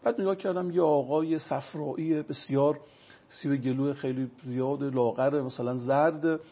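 Gravelly, raspy man explaining medicine. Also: a little high, fairly even intonation. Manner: lecturing with everyday examples. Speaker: traditional medicine consultant. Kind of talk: explanatory interview talk. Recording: dull lo-fi recording.

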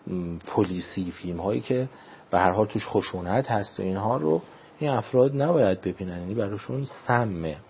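A man speaking as a religious adviser on a talk show, in a formal, measured way, often repeating set phrases. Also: fairly low pitch, animated, vocal fry, dull audio, a little hiss or hum. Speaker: religious speaker giving advice. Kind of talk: radio talk show guest.

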